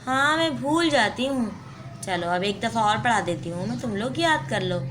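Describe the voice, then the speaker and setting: Strict older-sister tutor for a doll story, played by a woman, bright and firm. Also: on the high side, animated, normal speed, a little hiss or hum. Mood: instructive. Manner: scolding, firm and instructive. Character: strict young female tutor, bossy older sister type. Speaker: storyteller voicing dolls. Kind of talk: doll play story acting.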